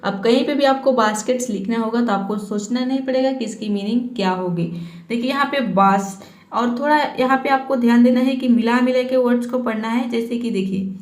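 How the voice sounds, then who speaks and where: A woman teaching English as a patient spoken lesson, often checking in with her listeners and spelling words out slowly. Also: fairly high pitch, darkish tone, reverberant. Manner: patient, repeats "theek hai" to check in.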